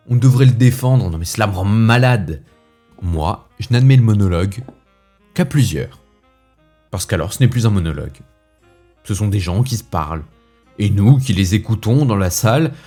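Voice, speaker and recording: A man playing a fussy, indignant gentleman who rants with theatrical asides, as in a comic stage monologue. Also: medium pitch, pitched above the performer's own voice, lightly acted. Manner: huffy, ranting, theatrical asides.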